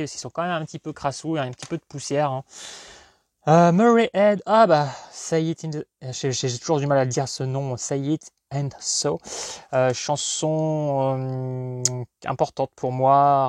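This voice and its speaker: A man's voice: mid-range voice, no room sound. Rambling man sorting through old CDs. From France. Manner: rambling, self-questioning, bursts of excitement. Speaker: collector vlogger. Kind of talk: casual unboxing commentary.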